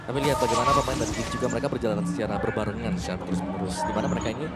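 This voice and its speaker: An Indonesian man works as an analyst on a live esports match, explaining play at a brisk clip. He mixes English gaming slang into his speech over loud music. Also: fairly low pitch, steady tone. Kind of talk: analytical live game commentary. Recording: loud music behind commentary.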